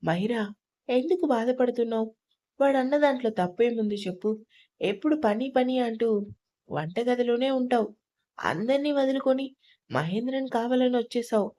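A kindly middle-aged mother-in-law from a storybook, soft and affectionate even when she scolds, as a woman reading the tale puts her on. Her voice is high yet mellow and warm. She sounds fond and caring. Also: normal speed, pauses often, natural voice. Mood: gently scolding.

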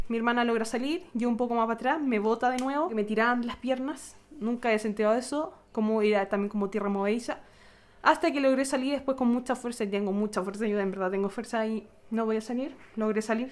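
A woman's voice: a little high, brisk. A young woman with a Chilean accent, animatedly telling her followers a story in a casual vlog, adding sound effects and acting out what people said. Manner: animated retelling with sound effects and acted-out quotes. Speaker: vlogger.

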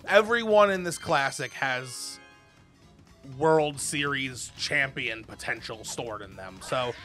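A man's voice: mid-range voice, slow pace, music in the background. A young man co-commentating a video game match with playful, joking banter.

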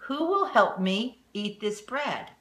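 A woman's voice: mid-range voice, very animated, slow, fairly bright tone. A woman voicing a hardworking little red hen who is fed up with her lazy friends, asking with emphasis. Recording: roomy echo.

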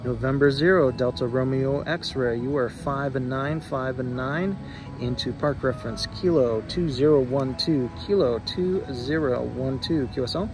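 A man's voice: medium pitch, moderate pace, music in the background. A man working as an amateur radio operator, repeating reports and spelling call signs in the phonetic alphabet. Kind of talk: amateur radio contact calling. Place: outdoor park radio activation.

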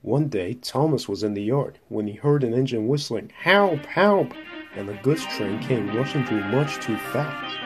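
A man narrating a children's railway story in a measured, steady reading. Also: medium pitch, soft background music.

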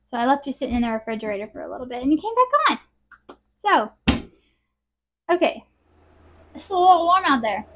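A woman's voice: sits high, expressive, fairly quick, long pauses, lo-fi sound, noisy background. A woman, chatting informally and rambling to camera as a beekeeping vlogger. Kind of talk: casual chat to camera. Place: small cluttered indoor workroom.

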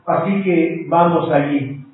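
Leading a live-streamed Bible class, a man speaks patiently at a very slow, deliberate pace, spelling each word out letter by letter and calling his listeners brothers. His voice is a bit high for a man and is recorded from a distance, sounding far from the mic in a strongly echoing room with a narrow, phone-like quality.

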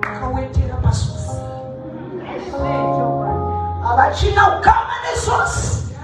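A woman evangelist with a Zimbabwean accent, preaching a forceful sermon into a pulpit microphone. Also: high voice, lively intonation, unhurried. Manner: forceful preaching, switching between Shona and English. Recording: echoey church hall, distant mic, loud music behind.

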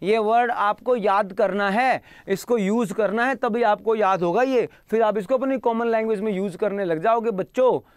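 Speaking in a smooth, high-sitting voice, captured dry, an Indian-accented man leads an online vocabulary class in a mix of Hindi and English. He addresses students directly, spells each word one letter at a time, and has them slowly repeat the pronunciation.

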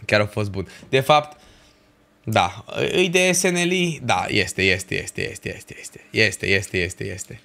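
Bright-voiced young livestreamer. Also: male voice, lowish voice, creaky. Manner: animated ranting with slang and swearing. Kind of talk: casual livestream chat.

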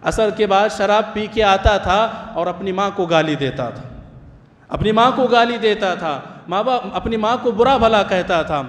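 A man preaching a fervent sermon in a mosque, repeating phrases for emphasis. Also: high voice. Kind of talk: Friday sermon. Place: large mosque. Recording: echoey mosque hall with long reverb.

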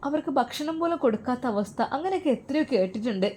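Woman doing soft pleading dad voice, malabar lilt, fairly high. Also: measured pace, slight background noise, lightly acted. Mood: anxious, tearful. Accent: Malabar Malayalam. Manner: hushed, tearful, pleading. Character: worried young widowed-like father, soft-spoken man. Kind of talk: storytelling role voice.

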